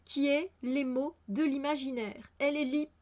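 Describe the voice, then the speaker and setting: A woman's voice: high-pitched, fairly even intonation, moderate pace, darkish tone, dull audio. Belgian woman chatting about books. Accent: Belgian French. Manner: hesitant, many fillers and restarts. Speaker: book vlogger. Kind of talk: casual book haul chat.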